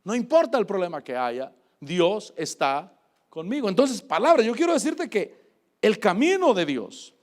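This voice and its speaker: Preacher guy, high voice jumping all over, keeps calling folks brother. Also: moderate pace. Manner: animated, exhorting the congregation, calling them brother. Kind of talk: sermon.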